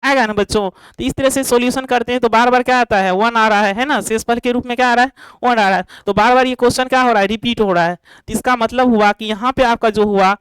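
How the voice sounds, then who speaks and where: A woman teaching a math class with a smooth, fairly high voice. She walks through each step slowly and repeats it, asking questions aloud and answering them herself. The sound is close and dry. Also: fairly even intonation, no echo, low-quality recording. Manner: poses rhetorical questions and answers them, checking in with students; drawn-out, repetitive explanation. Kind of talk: online classroom lesson.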